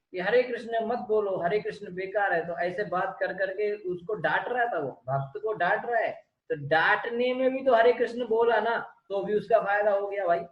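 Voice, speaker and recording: A man giving a lively devotional scripture talk, often asking his listeners rhetorical questions. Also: high voice. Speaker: spiritual lecturer. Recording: echoey dull room recording.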